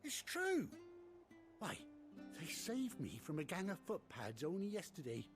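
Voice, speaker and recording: An actor playing a chatty, excitable rustic villager in a video game, talking in a folksy, colloquial way. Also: male voice, high voice, measured pace, exaggerated voice. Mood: excited. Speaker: game character. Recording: game audio with loud music. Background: game music.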